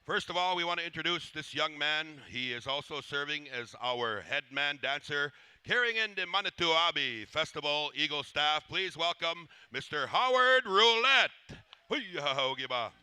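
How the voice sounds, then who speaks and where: Man mc'ing a powwow ceremony, formal and reverent, really bright punchy voice, dry sound. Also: fairly high pitch, clean tone, no echo. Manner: formal, reverent, measured phrasing. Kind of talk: live ceremonial announcing.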